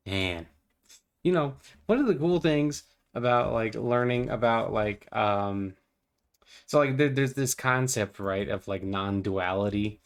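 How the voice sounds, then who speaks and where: A young man rambling casually about spiritual ideas while playing a game, full of fillers and playful asides. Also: medium pitch. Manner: meandering, filler-heavy, playful, easily distracted. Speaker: gaming vlogger.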